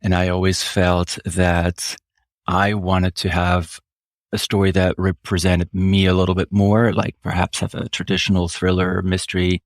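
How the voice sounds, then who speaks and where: As an author guest in an interview, this Swiss man, a native German speaker, answers with a deep, gravelly, level voice. He speaks reflectively and deliberately, slowing often and filling pauses frequently, in a studio-quality recording with no echo.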